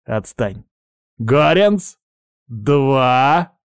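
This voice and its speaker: A man's voice: medium pitch, animated, moderate pace, warm tone, no echo, studio quality, close to an everyday voice. A man reading an audiobook, voicing a brash, commanding male pirate. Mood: threatening.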